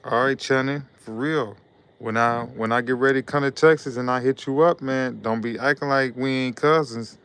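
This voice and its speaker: On a casual stream, a young man from Detroit, USA reads out what viewers write, talking in a loose, looping way. His smooth, clean voice keeps a steady, mostly flat pitch at a moderate pace.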